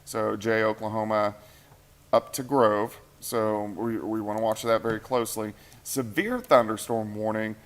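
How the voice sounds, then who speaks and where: A man with a fairly low voice speaks at a measured pace in a steady tone. He's a meteorologist handling live weather coverage late at night from a TV station's weather center, sharing a mic. Tired and hungry, he talks casually and ponders aloud as he reads viewer comments.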